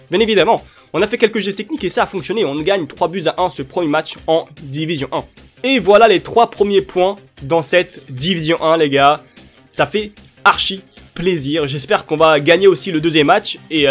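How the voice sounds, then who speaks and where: A male gaming YouTuber with a fairly high voice gives live gameplay commentary over light background music. He's excitable, cheering and shouting at plays.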